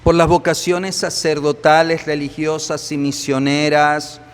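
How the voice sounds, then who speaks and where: Slow, solemn priest in a reverberant church. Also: male voice, fairly high pitch, level tone, clear, resonant tone. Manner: solemn, measured, deliberate phrasing. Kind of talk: sermon and liturgical prayer. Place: large echoing church. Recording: long reverberant church echo.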